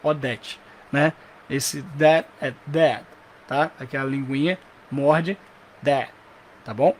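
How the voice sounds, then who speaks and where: A young Brazilian man teaching an English lesson, lively and repeating example phrases slowly. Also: mid-range voice, slight background noise. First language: Portuguese.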